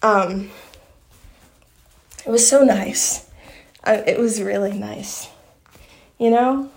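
A woman's voice: mid-range voice, takes it slowly, vocal fry, darkish tone. Rambly young woman vlogging, lots of likes and fillers, roomy echo. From Long Island, New York. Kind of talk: casual vlog chat. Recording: echoey room.

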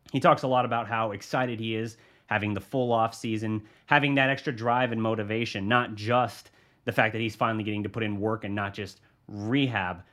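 A man's voice: fairly low pitch, a bit bright. A man hosting a sports podcast, talking through his views casually and thinking aloud, with frequent restarts. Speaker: podcast host, sports journalist. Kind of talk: solo sports podcast commentary.

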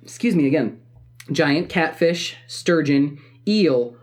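Low-voiced woman casually co-hosting. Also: slow pace. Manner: relaxed storytelling with fillers. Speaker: podcast co-host. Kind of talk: casual chat.

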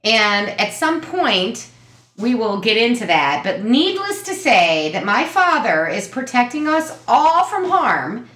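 Animated, bright-voiced woman in her fifties. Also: fairly high pitch, takes it slowly. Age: 50s. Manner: animated, exasperated, chatty. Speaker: podcast host. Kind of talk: casual storytelling chat. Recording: echoey room.

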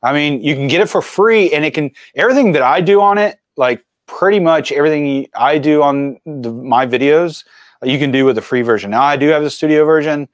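A man in his forties, a filmmaker and mountain biker, telling stories as a guest in a casual interview with animated, chatty energy. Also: on the high side, brisk, no echo. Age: 40s.

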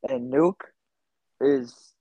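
Laid-back young guest on a dull mic. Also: male voice, medium pitch, extremely slow, breathy edge, no echo. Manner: laid-back, filler-heavy storytelling. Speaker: podcast guest. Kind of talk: casual interview.

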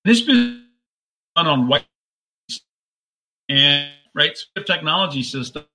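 Male webinar presenter, halting delivery, very bright tone, heard through a choppy, glitchy call connection that keeps breaking up. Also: fairly high pitch, sing-song. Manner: halting, with frequent fillers. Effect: choppy, breaking-up online call audio. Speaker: franchise presenter.

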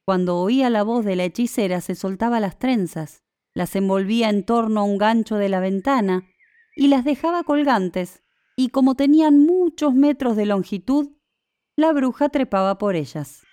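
A woman narrating a classic fairy tale in a measured storytelling manner. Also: on the high side, dark tone, clean tone, no echo.

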